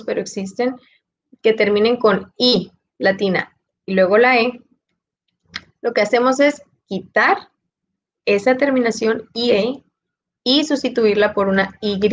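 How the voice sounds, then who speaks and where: Teacher lady, highish voice, explains slow and patient, asks ok? a lot, muffled lo-fi sound. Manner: explains step by step, repeats key points, ends with "ok?". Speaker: English teacher. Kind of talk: recorded grammar lesson. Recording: dull lo-fi sound.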